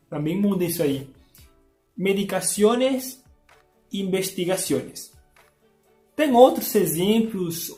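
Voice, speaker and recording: Lady teaching words, super slow and patient, echoey room, faint music behind. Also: lowish voice. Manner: explains patiently, reads word lists slowly, tag questions. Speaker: language teacher. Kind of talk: informal language lesson.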